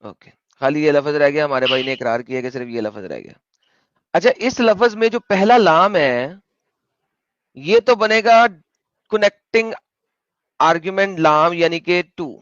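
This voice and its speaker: A man's voice: fairly high pitch, lively intonation, a bit bright, dry recording, lo-fi sound. Pressing man hosting a debate. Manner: pressing, questioning, spells points out slowly. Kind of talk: argumentative online debate.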